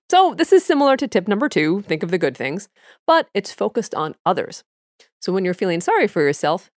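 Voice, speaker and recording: A woman with a medium-pitched voice is recorded dry and at studio quality. Hosting a psychology advice podcast, she reads scripted practical tips in a conversational, explanatory way.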